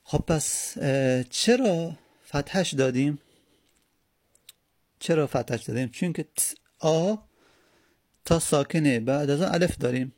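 A man's voice: mid-range voice, darkish tone, no room sound, clean studio sound. A man teaching an Arabic grammar lesson, explaining step by step, spelling out word forms and asking and answering his own questions.

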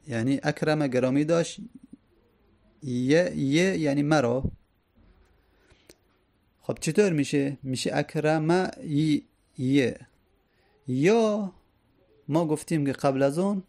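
A man's voice: fairly high pitch, vocal fry, darkish tone. A man teaching an Arabic grammar lesson. He recites conjugations in drills, then explains them casually.

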